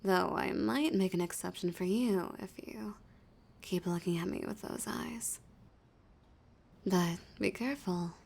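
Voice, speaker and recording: A woman with a medium-pitched, somewhat dark voice plays a flirty, dominant female villain in an intimate audio roleplay. She teases throughout and frequently slips into a breathy whisper.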